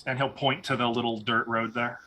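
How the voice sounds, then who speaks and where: A man's voice: mid-range voice, flat delivery, brisk, sharp tone. A man narrating a tabletop fantasy game as game master.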